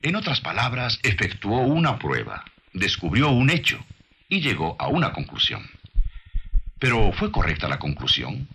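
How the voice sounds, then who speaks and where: In a low, husky voice with a bright and forceful edge, a man reads scripted narration. His delivery is deliberate and instructive, sermon-like, built on rhetorical emphasis and huge swings in pitch. He works as a documentary narrator and preacher.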